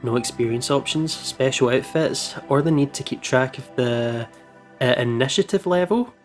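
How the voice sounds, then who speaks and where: A man hosting a let's play reads visual novel text aloud and comments casually, joking informally. His voice is mid-range at a moderate pace, with soft music in the background.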